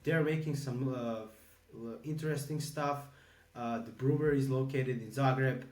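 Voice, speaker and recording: A man from Croatia co-hosting a podcast in casual chat, halting with many fillers and restarts. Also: medium pitch, fairly even intonation, a little mellow, far from the mic. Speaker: podcast co-host. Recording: echoey room, a bit off-mic.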